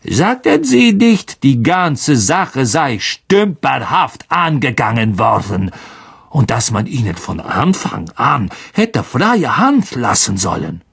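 A man voicing a cold, sneering male teacher in an audiobook reading, slow and menacing. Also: medium pitch, very animated, vocal fry, fairly bright tone, breathy edge, heavily acted. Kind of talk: audiobook character voice.

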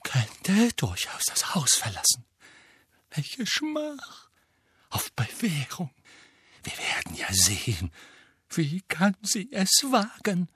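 A man voicing a theatrical, tearful female seer and teacher, who mutters darkly and drops into hushed whispers. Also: medium pitch, wildly swooping pitch, takes it slowly, long pauses, husky, no echo, clean studio sound, full character voice. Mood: muttering.

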